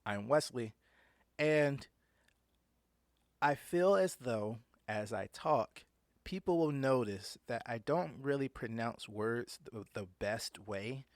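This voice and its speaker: A man's voice: medium pitch, takes it slowly, no room sound. A man with slightly slurred speech and imprecise T's and S's from an underbite, talking informally and hesitantly as a solo podcast host.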